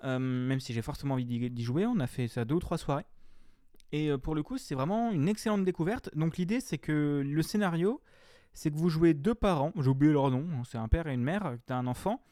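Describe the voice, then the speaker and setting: A man's voice: fairly high pitch, expressive, fairly quick, mellow, no room sound, studio quality. Rambling, foul-mouthed young man. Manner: rambling, slangy and profane, with many fillers. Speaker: game reviewer on a stream. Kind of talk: casual chat.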